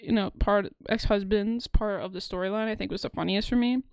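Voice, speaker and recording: A woman's voice: mid-range voice, steady tone, a little fast, a little mellow, dry recording, clean studio sound. A young woman co-hosting a podcast, chatting casually and rambling with lots of fillers. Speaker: podcast co-host and streamer.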